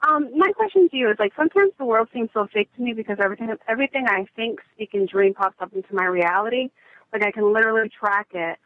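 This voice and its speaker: Woman, caller, fast earnest talk, out of breath, tinny phone line. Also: on the high side. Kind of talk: caller asking a question.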